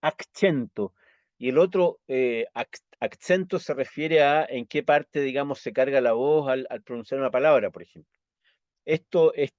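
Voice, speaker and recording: A man with a Chilean Spanish accent teaching a lesson, patiently explaining and checking understanding with quick tag questions. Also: a little high, darkish tone, no echo, muffled recording. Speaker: Esperanto teacher.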